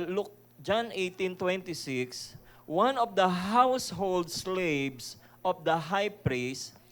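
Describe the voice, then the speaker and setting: A pastor from the Philippines giving a conversational sermon, mixing Tagalog and English, reading verses slowly and chuckling as he asks his listeners questions. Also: sits high, smooth. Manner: reads scripture verses slowly and deliberately; chuckles often, asks the audience rhetorical questions.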